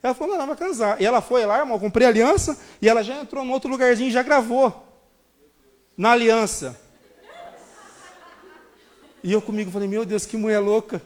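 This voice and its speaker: A Brazilian man in his thirties preaching a sermon, telling a personal story in an animated way and calling the congregation brothers. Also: extremely high pitch, a little fast, pauses often. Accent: Brazilian Portuguese. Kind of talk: sermon testimony.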